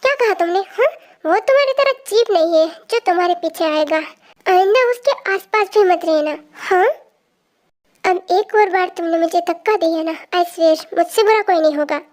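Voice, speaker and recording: Woman voicing a jealous haughty senior girl, condescending, threatening, very high voice, fan story voice-over. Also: normal speed. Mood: furious.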